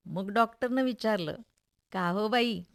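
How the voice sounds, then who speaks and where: A woman's voice: mid-range voice, a little slow, creaky. A woman playing a chatty, opinionated middle-aged mother in a radio play, confiding and gossipy, with a Maharashtrian accent. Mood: gossipy, amused. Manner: gossipy, expressive, confiding, rhetorical questions.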